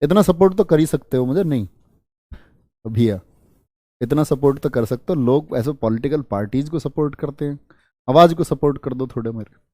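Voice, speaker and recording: A man teaching an exam-prep history lesson, speaking softly and drilling facts with repeated questions and memory tricks. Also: mid-range voice, normal speed, dry recording. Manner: speaks softly on purpose to spare his throat; addresses students as "bhaiya". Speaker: history tutor.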